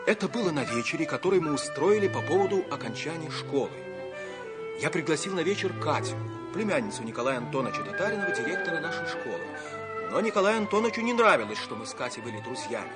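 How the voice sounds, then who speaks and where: A man's voice: fairly high pitch, fast talker, loud music behind the voice. An actor playing an earnest, romantic young man in a theatrical old radio drama style. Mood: narrating, earnest. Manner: theatrical, declamatory, expressive. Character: Sanya, earnest, romantic young man telling his life story.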